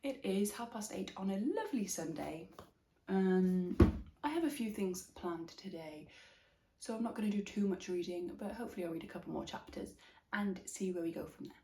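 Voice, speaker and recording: A woman's voice: medium pitch, normal speed, dark tone, a little hiss or hum. Chatty Welsh-raised woman book vlogger. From Wales. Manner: chatty, thoughtful, trails off and restarts. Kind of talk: casual reading vlog.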